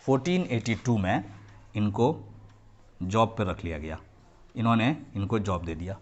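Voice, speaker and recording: A man's voice: on the low side, animated, a little slow, dull audio. A man teaching a history lesson to children, explaining each term and repeating key points, often slipping into English phrases. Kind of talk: classroom lecture.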